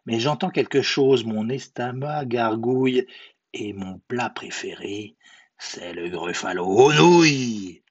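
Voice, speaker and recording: A man voicing a small, clever, bold mouse in a playful, lively way. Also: medium pitch, slow, husky. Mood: boastful. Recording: dull lo-fi recording.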